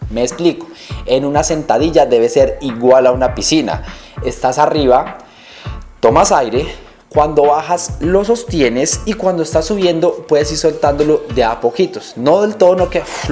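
A young male fitness coach explains lifting technique straight to camera, animated and gesturing as he talks. His voice sits a little high for a man. Faint music plays under him in a small home studio. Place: small home studio in front of a wall poster. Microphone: handheld lapel mic held in hand.

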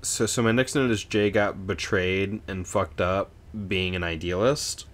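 A man's voice: low-pitched, fairly even intonation, unhurried. A man co-hosting a book podcast, recapping chapters in a rambling, profane way with frequent laughs. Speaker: podcast co-host. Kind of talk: casual book discussion.

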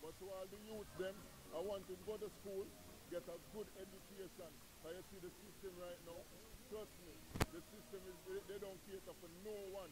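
High-voiced trini guy, caribbean patois accent, preachy reggae artist interview, handheld mic in a lounge. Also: steady tone, fairly quick, poor audio. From Trinidad and Tobago. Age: middle-aged. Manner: earnest, preachy, repeats "you know what I mean". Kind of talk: interview at a venue. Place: music lounge, indoors. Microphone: handheld mic held by interviewer.

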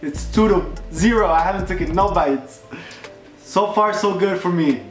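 A man's voice: high voice, normal speed. A young man hosting a casual challenge vlog, joking with a friend and reading quiz questions aloud in a bowling alley. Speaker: vlog host. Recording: roomy echo with music behind.

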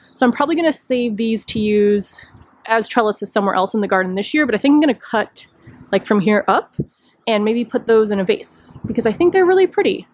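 A woman's voice: medium pitch, no echo. A woman giving a casual walking tour of her rooftop container garden, chatty and self-deprecating, thinking aloud as she goes, recorded outdoors on a handheld phone. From Chicago area. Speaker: garden vlogger. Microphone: handheld phone camera, speaker off screen.

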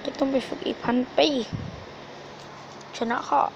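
On an amateur phone recording with background noise, a woman improvises a story, voicing characters in acted lines. She speaks haltingly and repeats phrases.

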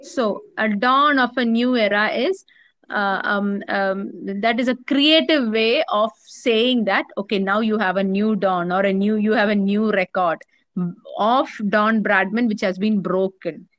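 A woman's voice: medium pitch, measured pace, fairly bright tone, no echo, highs cut off. Indian English woman lecturing over a call. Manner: explanatory, repeats points, many fillers. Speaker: journalism teacher. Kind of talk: online class lecture.

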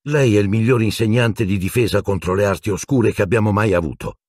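A man's voice: lowish voice, very animated, brisk, gravelly, slightly rough, dry recording, studio quality, exaggerated voice. A man voicing an earnest teenage wizard boy who asks urgent, pleading questions.

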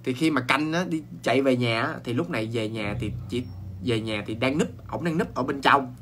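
A man with a Southern Vietnamese accent telling a ghost story in a chatty, animated way, full of exclamations and restarts. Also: mid-range voice, moderate pace, slight background noise.

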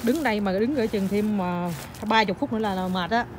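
Woman, young mother, chatty teasing commentary, outdoor playground, handheld phone, clear background noise. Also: medium pitch, fairly quick. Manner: chatty, teasing running commentary, mixing in English phrases. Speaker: mother filming her toddler at a park. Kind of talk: casual vlog narration to viewers. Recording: noisy outdoor phone recording.

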